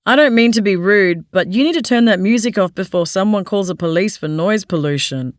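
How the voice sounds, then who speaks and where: A woman's voice: medium pitch, animated, a little fast, no echo, clean studio sound, close to an everyday voice. A woman doing a joking, easygoing young man. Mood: concerned. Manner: teasing, easygoing. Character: friendly joking young man, running buddy.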